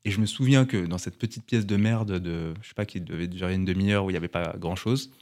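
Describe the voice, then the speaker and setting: Low-voiced rambling male storyteller. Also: fast, a little mellow. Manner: mock-grandiose, rambling storyteller. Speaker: podcast co-host. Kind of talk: casual banter.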